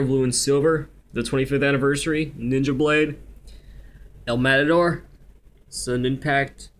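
Young guy talking quiet at night so nobody wakes up, casually listing stuff in his collection, normal pitch. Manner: hushed, speaking quietly at night so as not to wake others. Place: carpeted room at home. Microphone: handheld camera, held by the speaker.

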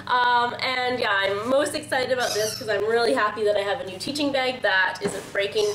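A woman's voice: fairly high pitch, moderate pace, fairly bright tone, reverberant, slight background noise, poor audio. Congested, chatty young woman. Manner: chatty, rambling, many fillers. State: nasal and congested. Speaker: haul vlogger. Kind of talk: casual product haul chat.

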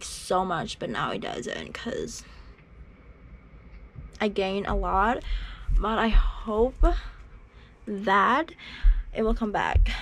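There's a little hiss or hum behind this young woman's medium-pitched voice as she vlogs casually into a handheld phone at arm's length. Filming from a small bedroom and a parked car, she rambles, using plenty of fillers.

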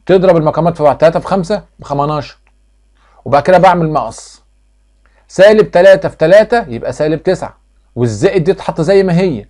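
A man with an Egyptian accent runs through a math review at a very fast pace. His voice sits somewhat high for a man. He quizzes the class, answers his own questions, and drills each step over and over. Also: expressive, a little mellow. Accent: Egyptian Arabic. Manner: repeats steps like a drill. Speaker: math teacher.

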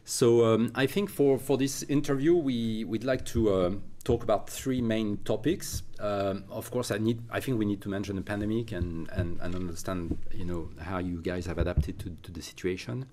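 This male interviewer and consultant has a mellow voice on the low side, steady in tone, moderately paced and with hardly any pauses. He chats with a guest in a studio using lots of fillers and restarts, against slight background noise.

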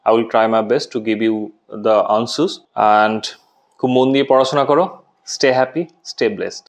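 A man's voice: medium pitch, slow pace. A man teaching a literature lesson to students, explaining patiently step by step and speaking to them directly. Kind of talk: recorded literature lecture for students.

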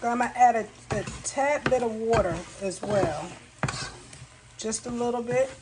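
Her voice a little high and her pace a little slow, a home cook walks viewers through a dish, casually calling them y'all. It's filmed on a counter camera near her stove, with audible kitchen noise and sizzling.

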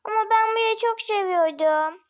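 A woman's voice: very high voice, normal speed. A woman voicing a frightened little girl of about three in a homemade family drama, pleading in a small whiny voice. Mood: worried.

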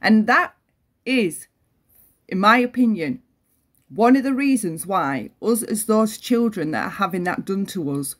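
A woman's voice: medium pitch, lively intonation, measured pace. A woman giving an earnest opinion commentary, repeating her points and often adding "right?". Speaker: commentary channel host.

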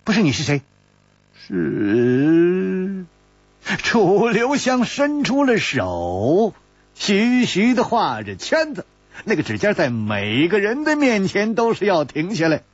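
Casting: male traditional storyteller, husky, very animated pitch, wry asides, dull lo-fi sound. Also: measured pace, no room sound. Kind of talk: traditional Chinese storytelling narration. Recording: dull lo-fi audiobook recording.

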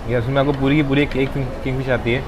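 Young male food vlogger, 20s, easygoing tasting chatter, mid-pitched, lapel mic with clear outdoor traffic noise behind. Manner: relaxed, savoring, pauses to chew. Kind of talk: casual food tasting vlog. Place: outdoor rooftop restaurant terrace.

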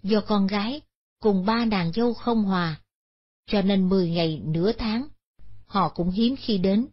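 A woman narrating a Buddhist moral story in a steady, solemn manner. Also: mid-range voice, a little slow. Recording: dull lo-fi recording.

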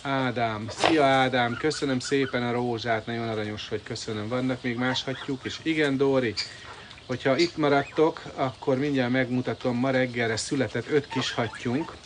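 A man's voice: mid-range voice, fairly even intonation. Man livestreaming from a bird park. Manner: coaxing, pet-talk to his bird while reading out viewer comments. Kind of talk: casual live stream chat. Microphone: phone live stream. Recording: outdoor noise with bird calls. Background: birds and fowl calling.

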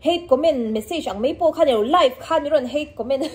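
Chatty young woman, higher voice. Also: unhurried, a little mellow. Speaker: vlogger, half of a married couple. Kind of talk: casual chat.

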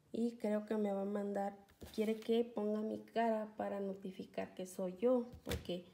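A woman's voice: mid-range voice, gravelly, warm tone. A woman vlogger giving a casual, chatty tutorial from her home, checking in with her viewers often as she films with a phone camera. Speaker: couponing vlogger. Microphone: phone camera filming a phone screen, off screen.

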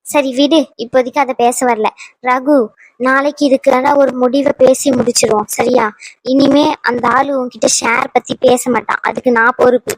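A woman's voice: sits high, level tone, normal speed, slight background noise, lightly acted. A woman voicing a strong-willed young wife in a cartoon dub, talking emphatically and scolding. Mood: determined. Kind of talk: cartoon dubbing.

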